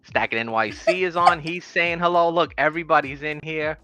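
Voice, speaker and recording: A man's voice: fairly high pitch, a little fast, pushed and bright, clear, resonant tone, faint music behind. A man with a New York accent hosting a casual livestream interview over a video call, upbeat and joking. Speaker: host.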